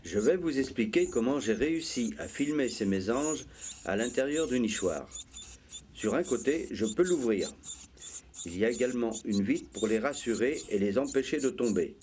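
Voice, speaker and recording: A man narrates in the manner of a nature documentary, at a medium pitch. He explains things in a measured way, like an amateur filmmaker presenting his own footage. There is faint noise in the recording. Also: expressive, darkish tone.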